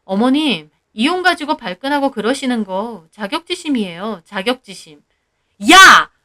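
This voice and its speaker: A woman's voice: on the high side, lively intonation, moderate pace. A woman narrating a scripted first-person story in a plain-spoken, indignant way.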